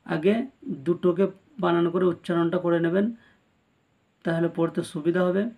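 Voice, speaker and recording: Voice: medium pitch, flat delivery, moderate pace, creaky, phone-quality sound. A Quran reading teacher giving a spelling-out recitation lesson. The teacher spells each letter and vowel mark, then draws out the joined syllables, and speaks directly to the viewers.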